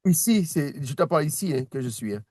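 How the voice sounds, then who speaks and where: Male teacher, patient one-on-one explainer, fairly high voice, dry room. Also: lively intonation, brisk, darkish tone, dry recording. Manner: patient, repeats words, many restarts. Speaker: Hebrew teacher. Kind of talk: one-on-one reading lesson.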